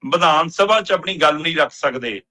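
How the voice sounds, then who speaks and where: A man's voice: fairly high pitch, expressive, moderate pace, pushed and bright. A man giving emphatic political analysis on a talk show, pressing pointed questions.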